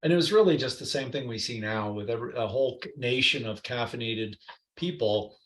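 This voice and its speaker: A man guest in a podcast interview, telling lively anecdotes full of quoted voices. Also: mid-range voice, a little fast. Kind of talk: storytelling interview chat. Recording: roomy echo.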